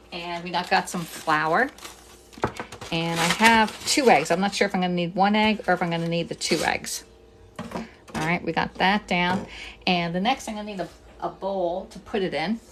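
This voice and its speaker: Middle-aged Pennsylvania woman, low-ish voice, chatty live cooking host in a home kitchen. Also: a little hiss or hum. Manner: chatty, talks through each step, greets viewers, jokes with herself. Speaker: cooking demonstrator and kitchenware consultant. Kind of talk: casual live-streamed cooking demo.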